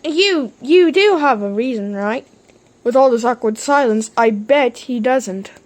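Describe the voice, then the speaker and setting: A woman's voice: fairly high pitch, lively intonation, a little slow. A woman voicing all the characters in a playful homemade toy-train drama, jumping between silly character voices. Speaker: fan series voice actor.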